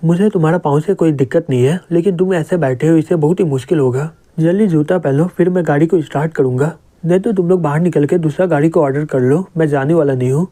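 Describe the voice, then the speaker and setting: A man voicing a calm, firm young male driver in a comic story retelling, speaking bluntly. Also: on the high side, fast talker, few pauses, natural voice.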